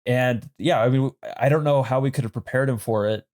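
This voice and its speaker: A man in his thirties co-hosting a podcast, talking thoughtfully with many pauses and fillers. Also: medium pitch, a little mellow. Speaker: podcast co-host. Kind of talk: casual chat.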